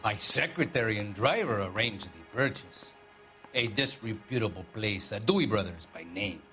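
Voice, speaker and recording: A man's voice: fairly low pitch, expressive, moderate pace, pushed and bright, soft background music. A man playing a haughty, pompous Argentine diplomat, formal and easily offended, in a crime drama video game. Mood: indignant, haughty.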